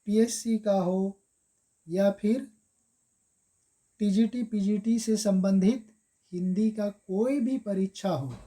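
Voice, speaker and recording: Slow, mellow-voiced woman teaching grammar. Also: mid-range voice. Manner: slow, repeats examples with stress on key words; addresses viewers as friends, step-by-step explaining. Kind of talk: exam-prep grammar lesson.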